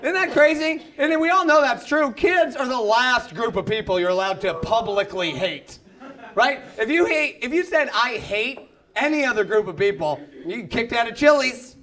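A man in his thirties doing a stand-up comedy set in a club, ranting and breaking into yelled outbursts. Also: very high-pitched, animated, moderate pace. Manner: ranting, yells in acted outbursts. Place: comedy club stage with live audience. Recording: live club recording, audience laughter.

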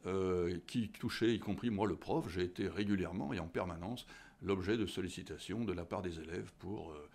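A man in his sixties, a history teacher as a guest, answering at a measured pace with frequent fillers and restarts, recorded on a desk studio microphone in an office. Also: sits low, a little mellow. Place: indoor office with tall window.

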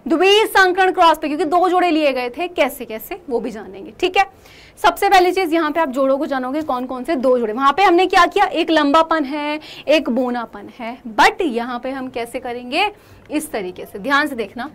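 A woman's voice: high voice, lively intonation, moderate pace, fairly bright tone. A young woman teaching a class, asking her students questions and then answering them herself, and repeating the key terms.

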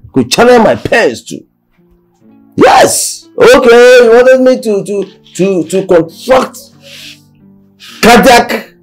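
A man's voice: high-pitched, poor audio. An actor with a Nigerian accent playing an angry father who scolds his wife, ranting and mocking, stumbling over repeated words.

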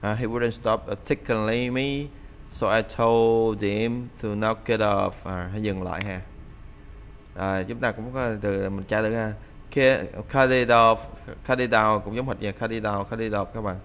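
A man's voice: fairly low pitch, steady tone, a little slow, a bit bright, smooth. A man teaching English phrasal verbs in a casual lesson, explaining in Vietnamese and often repeating the phrases aloud.

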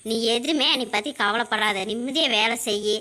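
A woman's voice: a little high, a little fast, sharp tone. A woman playing a lonely mother living apart from her son, lamenting her lot and then tenderly reassuring him. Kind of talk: village family drama acting.

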